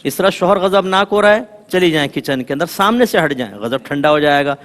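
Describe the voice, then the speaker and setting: Brief: male religious scholar, fairly high voice, animated storyteller, long studio reverb. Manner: lively storytelling with folksy examples. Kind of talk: televised religious talk.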